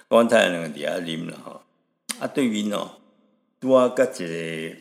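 A deep-voiced man from Taiwan hosts a radio program, his low tone carrying a gravelly fry. He rambles through his stories in a relaxed, chatty way, dotting sentences with little tag words and chuckles. The voice sits in a long, hanging reverb. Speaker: radio host. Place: radio studio.

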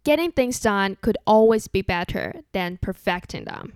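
On her own podcast, a young Chinese-accented woman talks alone in a calm, earnest, easygoing way, keeping a measured pace. The recording is dry and close, free of room sound, capturing a clear, smooth, mid-pitched voice.

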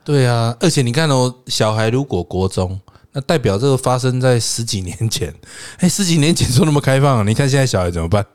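A man's voice: medium pitch, a little fast. Guy, doctor on a podcast, chatty storyteller, laughs a lot, voice swings up and down. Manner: animated, laughs often, tells stories. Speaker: podcast co-host, hospital attending physician. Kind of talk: casual chat.

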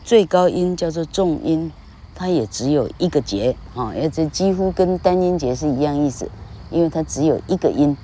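A woman's voice: low voice, animated, moderate pace, dark tone. A woman hosting a podcast English lesson, talking in a chatty, rambling way and tagging phrases with a little "ha". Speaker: English teacher podcast host. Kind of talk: casual spoken lesson.

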